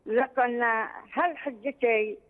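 A woman phones in to a religious scholar with a question, telling a long, rambling personal story with some anxiety. Her voice is a little high and slow. The phone line sounds tinny and has long reverb.

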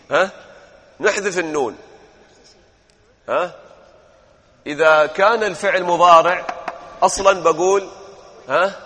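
A man teaches grammar to a classroom, rattling off verb forms and firing questions at his students. His voice sits a little high for a man. The room rings with a long echo. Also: sharp tone.

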